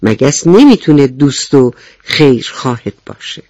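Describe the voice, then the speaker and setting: A woman voicing a wise, cautious winged ant in a children's radio story, giving calm, kindly warnings. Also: a bass voice, no echo, highs cut off, full character voice.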